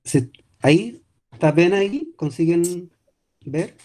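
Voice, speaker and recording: Speaking over a video call, a Chilean man with a Chilean accent, native in Spanish, delivers an academic lecture as a guest lecturer, with many hesitations and restarts. His voice sits high and is expressive, slow, and mellow. There's slight background noise.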